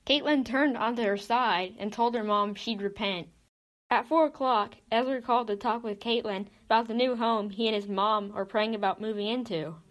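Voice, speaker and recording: A woman narrating a children's Bible story in an even, clear read-aloud manner. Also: a little high, moderate pace, dry recording.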